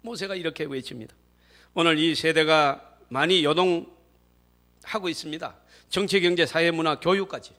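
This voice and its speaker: A man preaching a sermon as pastor, moving between quiet asides and loud, shouted exhortations. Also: fairly high pitch, moderate pace. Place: church sanctuary.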